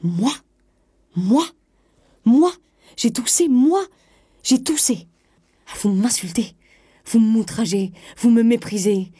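A woman voicing an excitable wife woken in the night, raising her voice in shrill indignation. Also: normal speed, slightly rough, dry recording, clean studio sound. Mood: outraged. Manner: shrill and outraged, exclaiming.

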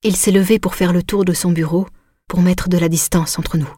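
A woman narrating a novel in the first person, in an intimate, measured way. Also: fairly low pitch, steady tone, warm tone, slightly rough, no room sound, studio quality. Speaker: audiobook narrator.

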